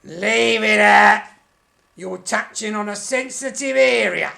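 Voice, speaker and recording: A hammy old-school male puppet thespian, vain and easily offended. The voice is high, sharp and heavily creaky, drawn out slowly with pompous theatrical relish in a comic puppet interview. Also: full character voice. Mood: indignant. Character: vain hammy male puppet stage actor, Mr. Punch, touchy. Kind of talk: comic mock interview in character.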